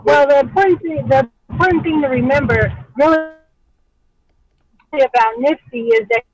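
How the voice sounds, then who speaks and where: High-voiced woman on a bad connection. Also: moderate pace. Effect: bad connection, call audio breaking up. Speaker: guest calling in. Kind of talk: casual discussion. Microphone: remote call. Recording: dull, dry lo-fi call line.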